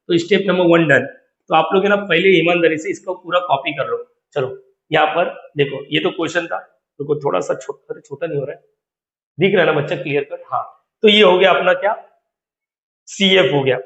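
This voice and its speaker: Male maths lecturer, slightly high voice, coaxing Q&A teaching manner, echoey lo-fi recording. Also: a bit bright. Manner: coaxing, asks questions and answers them himself. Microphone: screen recording with digital board. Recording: echoey room, dull lo-fi audio.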